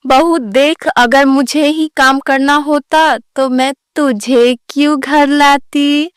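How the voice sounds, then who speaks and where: A woman voicing a patient middle-aged mother-in-law in a cartoon story, who scolds her daughter-in-law gently. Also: sits high, slow, clean tone, no echo, studio quality. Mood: scolding.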